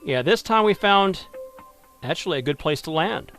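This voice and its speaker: A man's voice: a little high, animated, moderate pace, a bit bright, soft background music. A man giving wry, self-deprecating live commentary while playing a space game, thinking aloud as he goes. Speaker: game streamer.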